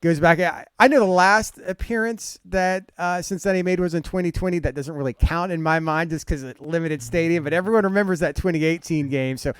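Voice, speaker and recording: A man hosting a casual college football preview interview, relaxed and halting with fillers. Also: a little high, smooth, no echo. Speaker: podcast host.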